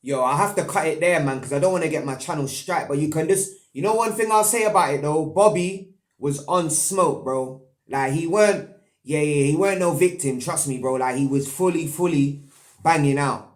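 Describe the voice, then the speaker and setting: A man's voice: fairly high pitch, normal speed, a faint crowd. A young man with a London roadman accent giving casual commentary as an online host, in heavy street slang peppered with tag questions. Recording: echoey, roomy sound.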